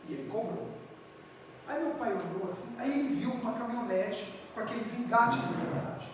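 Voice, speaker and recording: Woman from são paulo preaching her testimony, acts out the dialogue, super echoey room, a little background noise. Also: fairly high pitch. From São Paulo, Brazil. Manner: animated storyteller acting out dialogue, addressing the congregation. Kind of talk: sermon storytelling. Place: church hall. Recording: echoey church hall, distant mic.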